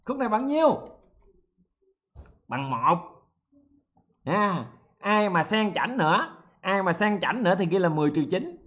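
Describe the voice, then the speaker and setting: A male math teacher leading an exam-prep lesson, lively and joking, checking in with students often. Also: sits high, measured pace, pauses often, highs cut off.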